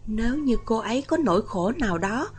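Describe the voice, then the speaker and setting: A woman's voice: fairly high pitch, animated, brisk, darkish tone, slight background noise, close to an everyday voice. A woman voicing an anxious young man in a storybook reading, pleading and agitated.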